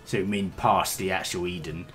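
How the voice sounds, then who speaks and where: A man's voice: deep voice, fairly even intonation, moderate pace, a bit bright, soft background music. A man streaming a game, chatting casually with hesitant, rambling talk and the odd swear. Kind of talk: casual gaming stream chat.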